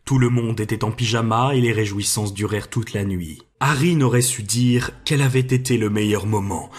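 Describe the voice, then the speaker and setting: A man's voice: lowish voice, moderate pace, slightly rough. Man reading a storybook steadily. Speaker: narrator. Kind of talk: audiobook reading.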